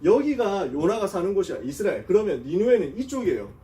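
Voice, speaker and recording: Male youth pastor, casual storyteller who acts out quotes, high voice, mic a bit far away. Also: big pitch swings, quick pace, warm tone. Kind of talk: sermon. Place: church youth service.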